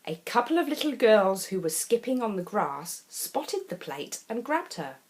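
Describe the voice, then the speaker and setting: An English storyteller reads a children's picture book with theatrical flair, dropping chatty asides to the listener. Her mid-range voice is darkish and very animated, at a normal speed.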